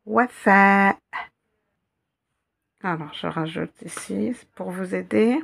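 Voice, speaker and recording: Woman, teacher, patient, repeats words, gravelly voice, slow delivery. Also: medium pitch. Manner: patient, spells out letters and repeats words slowly. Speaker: Arabic teacher. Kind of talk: step-by-step reading lesson.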